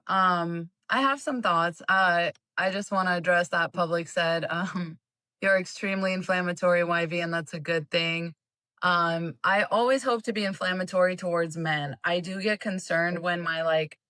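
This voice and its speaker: A woman's voice: lowish voice, bright, forceful tone, no room sound. A woman from Eastern Europe, a guest creator on a livestream, talks frankly and casually with some fillers.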